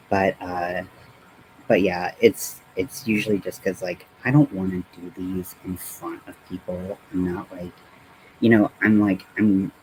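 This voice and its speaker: Low-pitched man rambling casually. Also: a little mellow. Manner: halting, rambling delivery. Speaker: livestream host. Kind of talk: casual chat. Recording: clearly noisy background.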